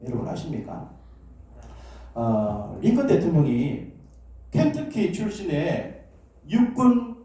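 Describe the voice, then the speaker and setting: Man, pastor, sermon with call-and-response, very dark mellow tone, roomy church echo. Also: fairly high pitch. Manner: call-and-response, asking questions and prompting amens. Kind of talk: sermon to a congregation with children. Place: church sanctuary. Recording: echoey church hall, distant mic.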